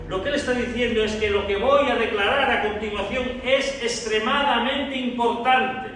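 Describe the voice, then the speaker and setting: A high-voiced man from preaches to his congregation, drawing out key phrases for emphasis and calling them brothers. His voice rings through a very echoey church hall. The mic sits well away from him, with a faint hiss behind. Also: fairly bright tone, recorded from a distance. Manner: addresses the congregation directly as brothers. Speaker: pastor. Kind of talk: expository sermon.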